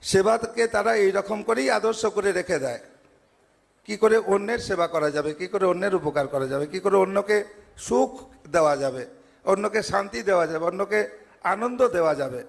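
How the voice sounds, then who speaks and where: A man's voice: high-pitched, moderate pace, creaky. A monk preaching a devotional sermon at a large ashram gathering, earnest, stacking his points in repeated parallel phrases. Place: large ashram assembly hall. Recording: long hall reverb.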